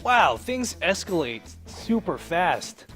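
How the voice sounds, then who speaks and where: Playing through a game while plucked-guitar music runs underneath, a man offers casual commentary, reading parts aloud and cracking jokes with exclamations over the story. His slightly bright, high-pitched voice swings widely in pitch as he takes it slowly.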